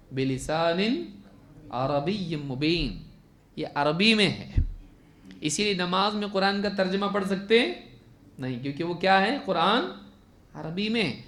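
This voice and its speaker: Slightly high-voiced scholar. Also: male voice, fairly bright tone. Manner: asks rhetorical questions and answers them himself; quotes and recites Arabic slowly to contrast letter sounds. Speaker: Islamic scholar teaching a lesson. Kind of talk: religious lesson.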